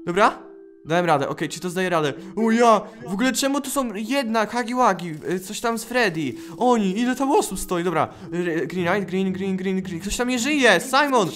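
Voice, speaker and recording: A man narrates a game in lively, playful commentary. He shouts out excitedly and jokes as he plays. Faint music runs underneath. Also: sits high, moderate pace. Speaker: gaming YouTuber. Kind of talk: gameplay commentary.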